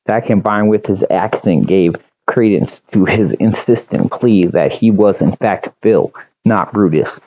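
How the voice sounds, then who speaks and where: Male storyteller, lowish mellow voice, measured reading, dull lo-fi sound. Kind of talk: storybook audiobook narration.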